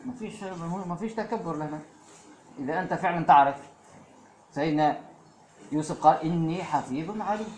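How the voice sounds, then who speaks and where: Male preacher, slightly high voice, echoey hall. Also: darkish tone, slight background noise. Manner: fillers and asides, slows to recite verses. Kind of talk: religious lesson. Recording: echoey room with faint ambience.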